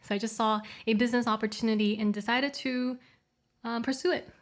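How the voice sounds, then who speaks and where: A woman's voice: a little high, fairly even intonation, fairly quick. A woman in her thirties from Taiwan, raised in Canada, telling her story as an interview guest in an easygoing way. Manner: easygoing, laughs often. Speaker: guest, yoga studio founder. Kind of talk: interview conversation.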